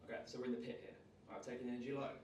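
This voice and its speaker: A man, leading a lively public speaking workshop and raising and dropping his energy on purpose. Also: mid-range voice, very fast, slight background noise. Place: large room at a live workshop. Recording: roomy sound, voice from far off.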